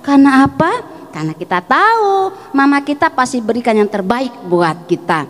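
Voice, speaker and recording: Animated woman preaching to children. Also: high-pitched, normal speed. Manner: animated, asks children questions. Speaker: Sunday school preacher. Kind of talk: children's sermon. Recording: echoey hall.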